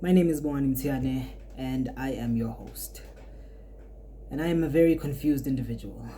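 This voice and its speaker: Over a faint hiss or hum, a twenty-year-old woman speaks in a very deep, dark voice at a moderate pace. She's an art student hosting a podcast, musing aloud in a rambling, reflective monologue with frequent restarts.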